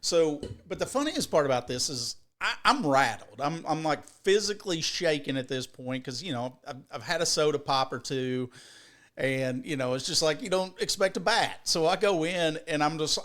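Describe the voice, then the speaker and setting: Man, podcast co-host, slightly high voice, animated, rambling, swears a lot. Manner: animated, profane, rambling with restarts. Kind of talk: casual storytelling.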